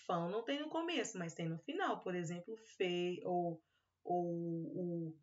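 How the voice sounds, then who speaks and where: Brazilian teacher drawing out syllables. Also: female voice, fairly low pitch, darkish tone. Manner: drawn-out syllables and fond little-word talk to children. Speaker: kindergarten teacher. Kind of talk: recorded remote class for young children. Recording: lo-fi recording.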